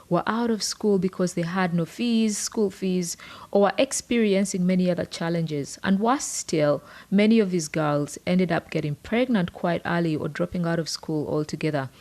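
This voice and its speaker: A woman with a Ugandan accent co-hosts a prepared podcast conversation, explaining things in an earnest, articulate way. Her voice sits on the low side, with a darkish tone and normal speed.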